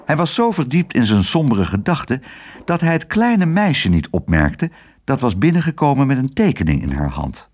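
A man reading a children's story aloud as narrator, with expressive, animated storytelling. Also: medium pitch, moderate pace.

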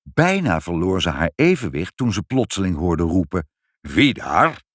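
A man reads a children's story aloud with a lower, husky voice. His delivery is animated and swings widely in pitch, recorded close and dry. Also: moderate pace, no room sound. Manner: expressive, animated.

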